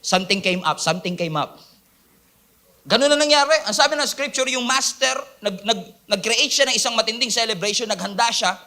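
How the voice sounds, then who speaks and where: A man's voice: sits high, expressive, a little fast, sharp tone. A man preaching a sermon as pastor, mixing English into his talk and asking the congregation to answer back. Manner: preaching in Taglish, acting out excuses in quoted voices; asks the congregation for responses.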